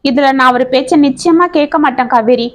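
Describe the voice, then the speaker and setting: A woman's voice: high-pitched, fairly quick, lightly acted. A woman voicing a devoted, determined young man.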